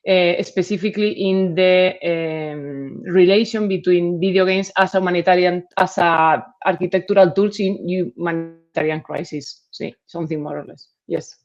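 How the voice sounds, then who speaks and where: A woman with a lowish voice introduces herself as an architect and researcher, hesitating with many fillers. Her audio comes through corrupted and glitchy, with sound problems. The remote line sounds dull and lo-fi. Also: fairly even intonation, normal speed, hardly any pauses, a little mellow. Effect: glitchy, degraded audio with sound problems. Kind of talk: self-introduction at an online conference talk.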